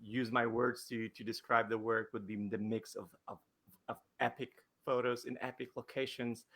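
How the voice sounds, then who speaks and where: A man's voice: medium pitch, level tone, moderate pace, a bit bright. A male wedding photographer answering interview questions over a video call, hesitant, with many fillers and restarts.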